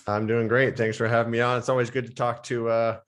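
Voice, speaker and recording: With a mid-range voice that stays fairly flat in pitch, an American man speaks fast as a guest on a podcast. He's a strength and conditioning coach, fluently explaining things in a relaxed, conversational interview.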